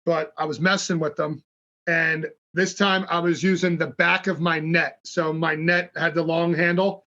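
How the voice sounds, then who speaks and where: Animated man telling fishing stories. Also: fairly high pitch, unhurried, lo-fi sound. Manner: animated, swears freely, acts out quotes. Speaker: podcast guest, fishing brand founder. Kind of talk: casual storytelling.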